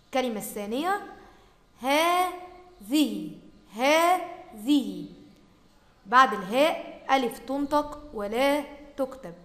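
A woman with an Egyptian accent teaches a primary class, her voice pitched high. She drags out example words slowly and then drops into quick explanations. The room is roomy and reverberant. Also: sharp tone. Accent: Egyptian Arabic. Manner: slow, stretched repetition of words for pupils, then quick asides. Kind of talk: recorded Arabic grammar lesson. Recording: echoey room with long reverb.

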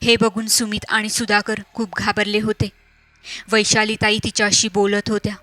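A woman narrating a scripted horror story in a steady, measured reading voice. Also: medium pitch, dry recording.

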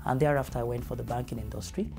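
A middle-aged man from Nigeria with a Nigerian accent, answering interview questions in a measured, earnest way with frequent fillers. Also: medium pitch, fairly even intonation, over music. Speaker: family educator. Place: studio with dark backdrop.

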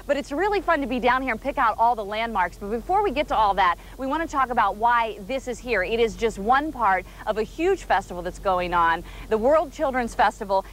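A woman's voice: on the high side, fairly bright tone, poor audio. A woman in her thirties reporting live outdoors on a park lawn, upbeat and chatty, on a lapel mic. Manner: upbeat, chatty, quick-talking. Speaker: TV news field reporter. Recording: faint outdoor background noise.

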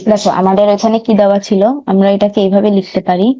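A woman's voice: mid-range voice, level tone, rapid-fire, mellow, no echo. A young woman teaching an online recap lecture, walking through steps on a board and often correcting herself mid-sentence. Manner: talks through steps on a board, frequent self-corrections and fillers. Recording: slightly dull dry mic recording.

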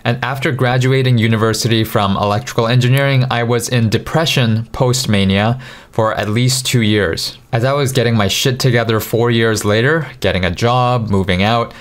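Late at night in a small, dimly lit bedroom, a man in his thirties talks to camera into a boom-mounted studio mic. His vlog is a frank, self-mocking confessional, delivered in a conversational way.

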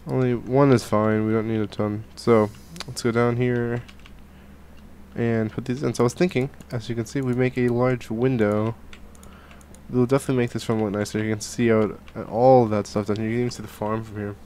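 Slight background noise accompanies a young gaming channel host catching a cold, who talks a little fast at medium pitch in a flat, slightly mellow way. His casual Minecraft let's play commentary from a home gaming room rambles with plenty of fillers and restarts. He speaks into a headset and studio mic at his desk.

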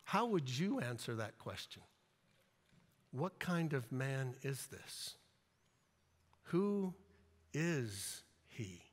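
A man's voice: medium pitch, sing-song, drawn-out words, long pauses. A male pastor preaching a sermon, emphatic and earnest, acting out Bible scenes in playful asides. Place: church sanctuary. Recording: reverberant church hall.

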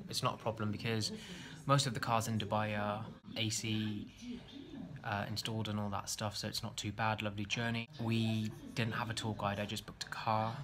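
Relaxed young man, low voice. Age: young adult. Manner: relaxed, rambling, many fillers and restarts. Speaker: travel vlogger. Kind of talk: casual to-camera vlog chat. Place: small indoor hotel room. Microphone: phone front camera held close.

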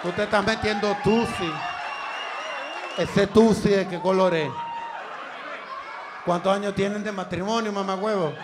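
A man's voice: sits high, fairly even intonation, a little slow, long pauses, background noise. A man with a Venezuelan Spanish accent doing a live stand-up set on a comedy club stage, crude, profane and teasing the crowd.

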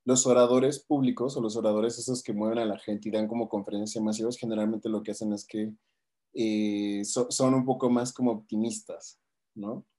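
A man's voice: lowish voice, level tone, moderate pace, warm tone. A man with a Mexican accent, a coach casually retelling a book, rambling and tagging his sentences with questions. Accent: Mexican Spanish. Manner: rambling, tags lines with "¿no?".

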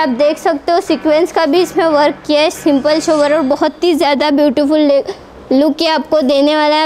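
Recorded on a lapel mic with a little hiss or hum, a young woman's high-pitched voice delivers an upbeat, repetitive sales pitch. She is showcasing outfits inside a shop with a green wall.

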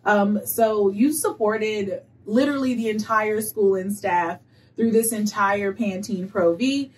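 A woman's voice: mid-range voice, far from the mic. A young woman teacher giving a chatty, playful congratulation message to her former students, indoors. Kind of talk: celebratory video message. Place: indoor school room, seated.

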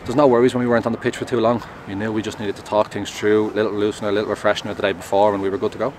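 A young man speaks quickly and earnestly in a post-match interview, his voice sitting slightly low. He talks outdoors on a close mic. Clear traffic hum runs behind him. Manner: measured, earnest, steady. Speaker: goalkeeper. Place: outdoors at a stadium, in front of a sponsor board at night.

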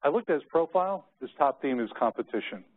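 A middle-aged American man delivers a conference keynote as a storyteller, sharing personal anecdotes in a fast, mid-range voice with lively intonation. The setting is a conference room with windows, and the audio is muffled, narrow-band and phone-like.

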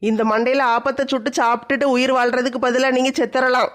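A performer acting in a village comedy sketch with a cheeky, deadpan manner. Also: sits high, fast talker.

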